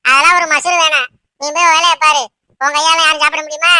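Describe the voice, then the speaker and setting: A woman's voice: high voice, fairly even intonation, fast, bright, forceful tone, slight background noise. A bossy old mother-in-law. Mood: scolding. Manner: scolding, domineering. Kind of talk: cartoon voice acting.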